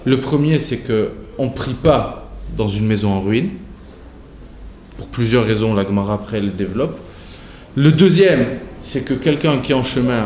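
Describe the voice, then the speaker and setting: A man's voice: mid-range voice, darkish tone, slight background noise. A man giving a Talmud study lesson as a religious teacher, explaining phrase by phrase with restarts and rising into a sing-song chant when he quotes the texts. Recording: echoey room with faint ambience.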